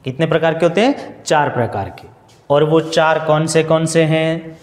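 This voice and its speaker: A man teaching Hindi grammar in a slow classroom style, asking questions and answering them himself and going over each point again. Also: a little high, fairly even intonation, echoey room, big-room sound. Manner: repeats and restates points, asks questions then answers them. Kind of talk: slow, repetitive classroom explanation.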